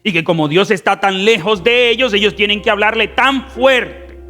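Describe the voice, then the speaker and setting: A man with a Dominican accent preaching a fervent sermon as pastor, swinging between soft, drawn-out phrases and loud emphatic ones. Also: high voice, faint music behind. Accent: Dominican Spanish. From Dominican Republic. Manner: fervent preaching with wide swings in loudness and stretched words.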